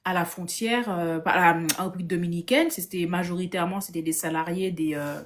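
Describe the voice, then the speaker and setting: Woman telling a story with lively restarts. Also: lowish voice, fairly quick, slight background noise. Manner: lively anecdotal telling, acts out others' lines, frequent restarts. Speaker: guest on a live discussion. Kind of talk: casual storytelling in a live video chat. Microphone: phone on a live stream.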